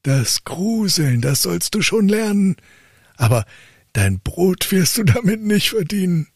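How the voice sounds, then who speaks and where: A stern, tired old peasant father from a fairy tale, voiced by a male storyteller who lifts his voice high above his own to scold. The sound is husky, close and dry. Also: very animated, measured pace, no room sound, exaggerated voice. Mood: resigned. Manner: lifted, scolding and sighing.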